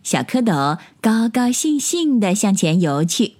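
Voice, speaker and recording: Gentle lilting woman storyteller. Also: mid-range voice, big pitch swings, measured pace. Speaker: children's storyteller. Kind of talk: bedtime story narration.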